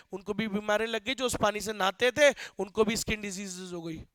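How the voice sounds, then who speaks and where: A young male teacher lecturing a class in an animated, joking way, often quizzing students, with phrases. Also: sits high, smooth, no room sound. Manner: animated, asks students questions, jokes.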